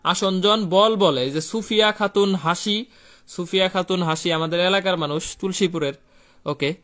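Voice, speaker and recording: High-pitched and brisk, with a somewhat bright sound, a young man runs a live online physics class. His style is casual and talkative; he keeps repeating important terms, quizzes the students, and reads their replies aloud.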